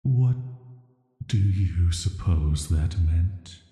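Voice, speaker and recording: Very low and velvety dark, a man's hushed voice brings a banished dream-visiting villain to life in full character for a scripted roleplay sleep-aid audio drama. His slow, soft delivery has a flat, measured hesitancy, flirty but dangerous, with a probing, uneasy mood. Every word trails off into long, atmospheric reverb.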